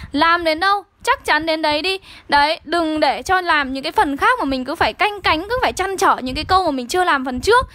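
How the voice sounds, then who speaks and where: A woman's voice: very high voice, bright, forceful tone, no room sound. A young woman with a Northern Vietnamese accent teaching an online exam-review lesson, coaxing and keeping on checking in with her students. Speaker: literature teacher.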